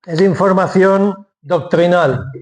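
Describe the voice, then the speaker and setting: High-voiced man preaching a sermon. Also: slow pace. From Spain. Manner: explanatory, asks and answers his own questions.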